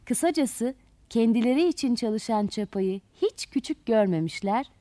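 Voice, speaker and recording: A woman storyteller reading a children's fairy tale aloud in an expressive way. Her high voice rises and falls a lot and speaks straight to the children listening. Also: moderate pace, no echo.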